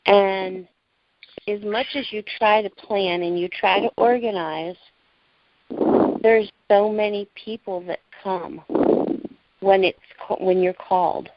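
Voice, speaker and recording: A woman in her forties calling in to a group call, speaking earnestly with some halting restarts. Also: mid-range voice, fairly even intonation, no room sound, lo-fi sound. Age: 40s. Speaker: caller, prepping group organizer. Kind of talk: casual conference call chat.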